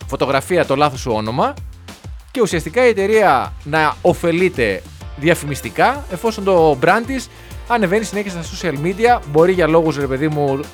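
A man's voice: fairly high pitch, sing-song, faint music behind. A middle-aged man co-hosting a radio show in casual chat, rambling and joking as he talks. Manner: chatty, rambling, jokey. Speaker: radio co-host.

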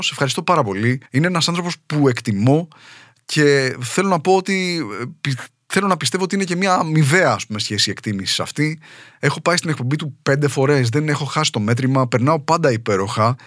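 A man's voice: a little high, lively intonation, a bit bright, dry recording, clean studio sound. A man from Trikala, Greece, a stand-up comedian talking casually and at length to his podcast listeners, rambling and chatty.

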